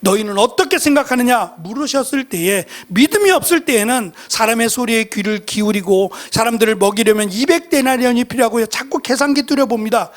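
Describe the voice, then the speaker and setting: A man's voice: very high voice, a little fast, few pauses. A middle-aged male pastor preaching a sermon in an earnest, reflective way.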